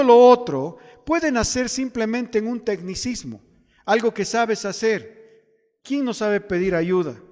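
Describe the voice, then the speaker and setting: A man's voice: high voice, darkish tone, in a large hall. A man preaching a sermon as pastor, asking the congregation rhetorical questions.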